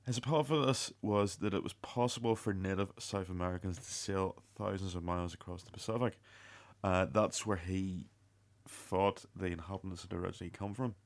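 A man with a fairly low voice presents a radio show from a script. His reading is halting, with the occasional stumble and self-correction as he narrates. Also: steady tone.

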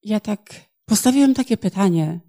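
Woman interpreter, sermon, mellow voice, plain delivery, small hesitations. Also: mid-range voice, expressive, moderate pace.

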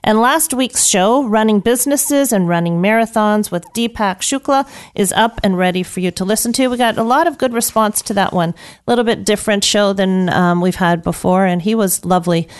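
A woman's voice: mid-range voice, fairly quick, smooth. A woman hosting a live radio health show, chatty and rambling, laughing often. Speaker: radio talk show host.

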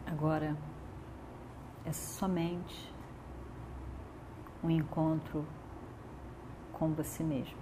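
Very slow, soothing woman guiding meditation. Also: deep voice, noisy background. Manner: soothing, calm delivery with long pauses between short phrases. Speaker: guided meditation instructor. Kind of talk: guided meditation narration.

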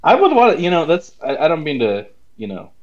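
A man's voice: a little high, huge pitch swings, brisk, muffled recording. A man co-hosting a casual podcast chat, rambling with lots of "like" and "you know" fillers. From United States.

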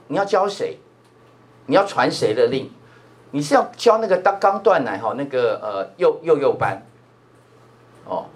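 A male pastor with a Taiwanese Mandarin accent, teaching a Bible class in a lively, chatty manner full of filler particles. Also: mid-range voice. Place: church classroom.

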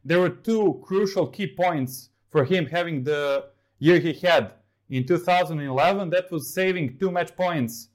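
A man from Serbia, a sports journalist co-hosting a casual talk show, speaking in a measured, analytical way with frequent fillers. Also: a little high.

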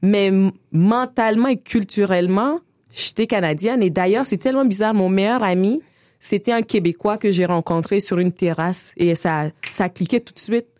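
A woman in her forties from Niger, with a Quebec French accent, telling her life story in a relaxed interview, full of hesitations and laughter. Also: medium pitch, moderate pace, no room sound, studio quality. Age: 40s. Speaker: guest. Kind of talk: casual conversational interview.

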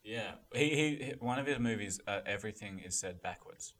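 A man's voice: lowish voice, lively intonation, fairly quick, a bit bright. A young man co-hosting a comedy podcast, rambling and trailing off into mumbles. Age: young adult. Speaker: podcast co-host. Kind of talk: casual comedy banter.

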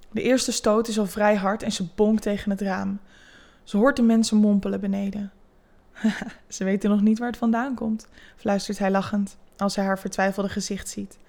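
A woman narrating a scripted erotic story in a calm, level, unhurried reading manner. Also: medium pitch.

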